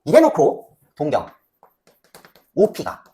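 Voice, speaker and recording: A woman's voice: low-pitched, huge pitch swings, slow pace, dark tone. A woman teaching a math lesson in a casual, chatty way, often asking the students to check along. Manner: chatty, asks students frequent checking questions; voices student replies herself. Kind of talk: casual lecture.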